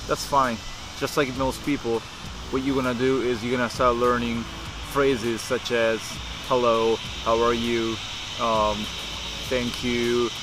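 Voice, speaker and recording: A young Japanese man with a Japanese accent vlogs casually to camera, relaxed and unhurried, pausing to think and using fillers. His voice is mid-range, and the background is noisy.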